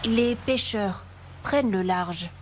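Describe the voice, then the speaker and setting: Slow-paced woman, nature documentary narrator. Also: medium pitch, background noise. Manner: measured delivery with dramatic phrasing. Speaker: reporter narrating a travel report. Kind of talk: scripted nature documentary voice-over. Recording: voice-over mixed with prominent music. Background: music under the voice.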